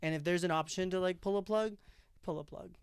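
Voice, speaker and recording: A man in his late twenties chats easily in a fairly high, clear voice. He is laid back and says "like" a lot. The recording is dry and close. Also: fairly quick, dry recording. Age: 20s. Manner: relaxed, easygoing, says "like" often. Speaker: podcast co-host. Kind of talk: casual chat.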